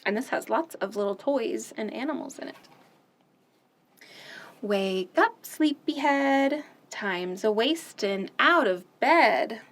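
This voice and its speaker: A woman with a fairly high voice leads a children's storytime, reading picture books aloud and singing nursery songs. She takes it slowly, in an animated, sing-song style punctuated by loud, playful sound effects.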